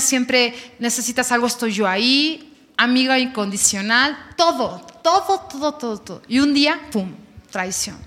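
A woman's voice: a little high, a bit bright. A Mexican woman in her thirties preaching to young people at a church service, candid and conversational, repeating words for emphasis. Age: 30s. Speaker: youth preacher. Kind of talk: sermon with personal testimony. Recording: long hall reverb.

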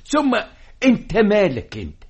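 Bossy egyptian dad who makes fezzes, bit husky and high, old radio play. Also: male voice, wildly swooping pitch, normal speed, a little mellow, exaggerated voice. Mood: stern. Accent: Egyptian Arabic. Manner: domineering, blustering. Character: stern proud middle-aged fez-maker father. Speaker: father. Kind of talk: radio drama acting.

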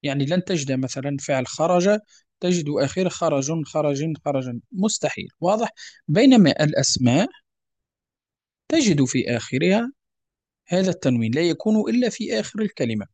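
A man teaches tajwid in a patient, repetitive way, pausing to ask whether it is clear. His voice sits a little high yet sounds mellow and warm. The recording is dry and close, with no room echo. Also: very animated. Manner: patient, repeats examples and checks understanding. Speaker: Quran recitation teacher. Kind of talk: explanatory lesson with verse recitation.

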